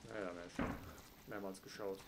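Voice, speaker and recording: A man's voice: low voice, fairly even intonation, moderate pace, heavy background noise. A man co-commentating a gameplay session with short, dry remarks and hints to the player, on a headset. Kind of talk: casual let's-play chat.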